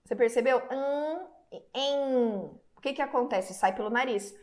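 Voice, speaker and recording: Slow-talking Brazilian woman teacher. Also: high-pitched, darkish tone. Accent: Brazilian Portuguese. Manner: explains step by step, checks in often with the class; stretches out example words syllable by syllable. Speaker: Portuguese teacher. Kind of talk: online exam-prep lesson.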